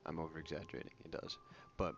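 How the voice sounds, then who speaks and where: Soft spoken guy doing asmr game talk, really low voice, kinda rambly, music playing behind him. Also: steady tone, fast talker, vocal fry. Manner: casual, rambling, self-correcting. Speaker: YouTube game channel host. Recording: muffled audio under prominent music.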